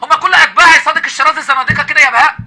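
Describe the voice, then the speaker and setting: A man's voice: extremely high pitch, steady tone, very fast, pushed and bright. A man with an Egyptian accent hosting a live call-in debate, taunting and mocking the caller with laughter. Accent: Egyptian Arabic. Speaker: live-stream host.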